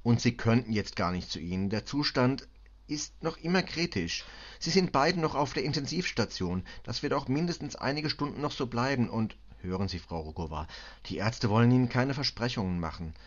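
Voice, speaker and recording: A man voicing a calm, patient male police detective who speaks steadily and reassuringly. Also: medium pitch, normal speed, lo-fi sound, pitched above the performer's own voice, close to an everyday voice. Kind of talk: audiobook reading.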